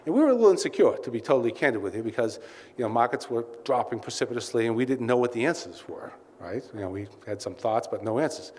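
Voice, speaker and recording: A man at an event, speaking as CEO and telling candid stories with plenty of asides. His voice sits at an ordinary middle pitch. It rings out with a long reverb through a large hall, with faint ambient noise behind. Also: animated, quick pace, hardly any pauses, darkish tone. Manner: candid, anecdotal storytelling with many asides. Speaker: CEO giving a welcome speech. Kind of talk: speech at a client event.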